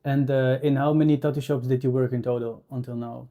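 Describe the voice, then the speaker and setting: A man with a Dutch accent hosting a casual interview, relaxed and filling his talk with "like" and short affirmations. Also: medium pitch, fairly quick, narrow, tinny audio. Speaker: podcast host and tattoo artist. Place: tattoo shop.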